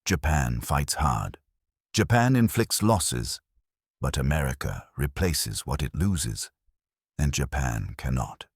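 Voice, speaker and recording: A man giving grave, measured scripted narration for a history documentary. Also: rumbling low, big pitch swings, breathy edge, dry recording, clean studio sound.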